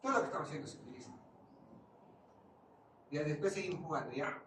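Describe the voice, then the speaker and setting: Male lecturer, higher voice, distant mic in a hall with steady noise; quizzes students as he teaches. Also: quick pace. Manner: quizzes the class and answers his own questions. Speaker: physiology lecturer. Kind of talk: classroom lecture with questions to students. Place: lecture classroom. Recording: far-off mic in an echoey room, noisy.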